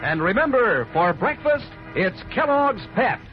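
A man's voice: high voice, big pitch swings, a little slow. An American man announcing 1940s radio commercials for children as a folksy, enthusiastic salesman. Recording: muffled old radio broadcast, faint music.

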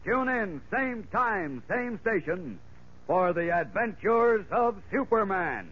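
Husky American old-radio announcer, dramatic narrator. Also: male voice, high voice, animated, takes it slowly. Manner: dramatic, suspense-building delivery. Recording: dull, lo-fi vintage radio recording.

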